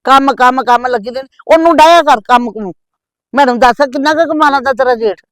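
A woman's voice: sits high, fast talker, dry recording, recorded from a distance, lightly acted. A middle-aged woman playing a scheming mother who scolds and nags her married daughter in a scripted family skit. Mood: scolding. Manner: nagging, scolding. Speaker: mother on the phone.

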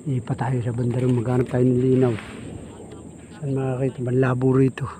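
A Filipino man vlogging while hunting fish alone from a boat, murmuring quietly as he stalks and speaking up when he moves spots. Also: medium pitch, completely flat delivery, fairly quick. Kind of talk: casual vlog commentary. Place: outdoors on a boat on a weedy lake. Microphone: action camera. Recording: outdoor ambience noise, wind.

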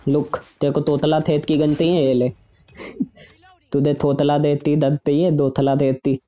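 A man's voice: on the high side, level tone, a little slow, mellow, highs cut off, close to an everyday voice. A man putting on a lisping baby-talk voice as a boastful, teasing boy during a game stream. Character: lisping baby-talk boy bragging about his gun.

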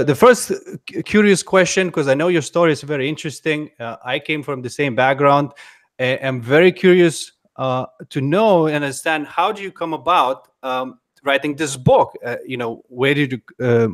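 A man in his thirties hosting a live interview, speaking haltingly with many pauses and restarts, into a studio microphone at home. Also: a little high. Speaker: interviewer host. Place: home room. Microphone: headphones and studio mic on a boom.

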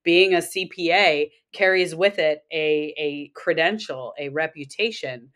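A woman with a notably low voice speaks as a guest on a podcast. She works as an accountant and coach, and she explains finance in a steady, methodical way, often stacking her points into lists. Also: a little slow. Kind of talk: podcast interview conversation.

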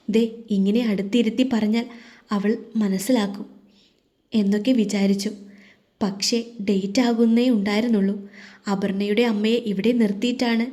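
A woman voicing a remorseful young man who quietly confesses his guilt to his lover. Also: mid-range voice, natural voice.

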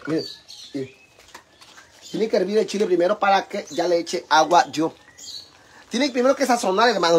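A man's voice: high-pitched, a little hiss or hum. A man with a Mexican accent hosting a cooking livestream, chatting in a campy, teasing, foul-mouthed way with his viewers. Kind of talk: casual cooking livestream chat.

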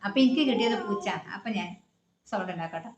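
A woman's voice: medium pitch, very fast, highs cut off, heavy background noise. A woman hosting a home vlog in casual chat, explaining the game's rules in a chatty way. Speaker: vlog host. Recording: roomy echo.

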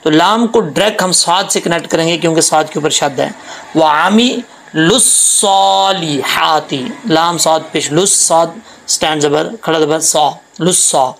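A man teaching Quran tajweed, explaining letter sounds patiently and repeating them slowly. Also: a little high, fairly bright tone, slight background noise, rough recording. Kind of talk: Quran tajweed lesson with recitation.

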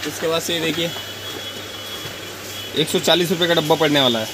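A man gives a shopkeeper's sales pitch in a somewhat high voice. He rattles off prices quickly and matter-of-factly, with clear shop noise around him. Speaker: wholesale bangle shopkeeper. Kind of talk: sales pitch showing goods and quoting prices. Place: small indoor shop lined with shelves.

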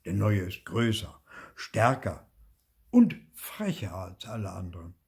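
An older man reading a children's story aloud in a lively, expressive way, with a husky voice. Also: fairly low pitch, a little slow. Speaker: storybook reader.

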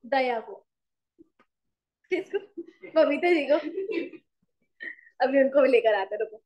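A woman commerce teacher giving a classroom lecture with an Indian accent, slowly dictating notes and asking her students questions. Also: high voice, expressive, echoey room, muffled recording. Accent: Indian English mixed with Hindi.

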